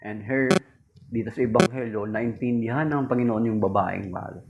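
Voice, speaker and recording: A man's voice: on the low side, moderate pace, vocal fry. A man with a Filipino accent giving a homily that switches between Tagalog and English, speaking in a chatty way and often calling his listeners brothers and sisters. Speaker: preacher. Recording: phone-like narrow sound with faint noise.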